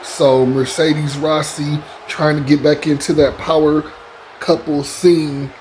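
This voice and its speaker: A man's voice: fairly high pitch, little pitch movement, slow pace, darkish tone, low-quality recording. A man giving play-by-play wrestling commentary over a video game, addressing listeners in announcer style with stock exclamations. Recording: clear background noise behind the voice.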